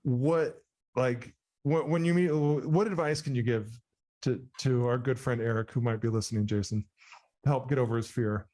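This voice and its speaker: A man's voice: medium pitch, fairly even intonation, moderate pace, mellow. A man hosting a podcast, chatting casually and putting playful, teasing questions to a guest. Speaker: podcast host. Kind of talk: casual interview chat.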